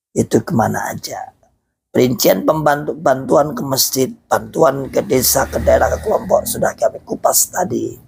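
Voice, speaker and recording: Hoarse man preaching. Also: medium pitch, darkish tone. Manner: fervent, urging, repetitive. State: hoarse, recovering from illness. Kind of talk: preaching talk to followers.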